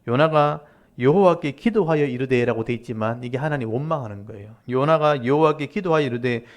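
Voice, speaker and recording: A man, a pastor, preaching a sermon and explaining scripture to his congregation in a direct, conversational way, with lively rises and falls for emphasis. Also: mid-range voice, brisk. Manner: animated preaching with rising and falling emphasis. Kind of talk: Korean Wednesday-service sermon.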